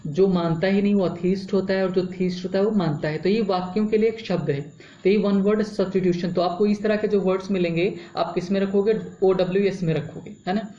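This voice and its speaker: A man's voice: high-pitched, fairly even intonation, fairly quick, dark tone. A male English teacher gives a classroom-style explanation in Hindi, spelling words out letter by letter, mixing in English terms and asking rhetorical checks. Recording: roomy, dull lo-fi sound with faint hiss.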